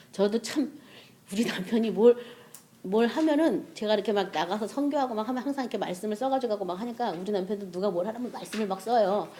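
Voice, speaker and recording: A middle-aged woman delivers a sermon in a fairly high voice. Her pitch moves freely as she tells stories and asks her listeners questions. She often breaks into laughter along the way. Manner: lively storytelling with laughter and rhetorical questions. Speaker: preacher.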